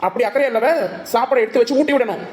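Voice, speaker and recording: A woman with a slightly high voice plays a stern but caring village husband and father in a cartoon, lecturing in rapid-fire fashion with a Tirunelveli Tamil accent. The acting is light, and the echoey recording carries music and background noise.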